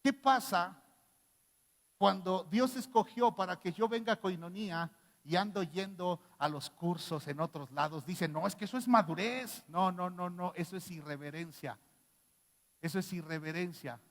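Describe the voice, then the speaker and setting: Brief: Mexican male pastor, high-pitched, animated sermon, reverberant hall. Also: measured pace. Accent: Mexican Spanish. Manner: animated, rhetorical questions to the congregation. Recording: long reverb in a church hall.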